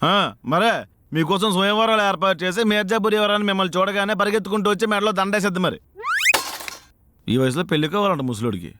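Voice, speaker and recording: A man's voice: sits high, lively intonation, quick pace, sharp tone, slight background noise. An actor playing a sarcastic young man who mocks his roommate and his old landlord. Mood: mocking. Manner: wisecracking, mocking. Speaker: lead comic actor in a web series.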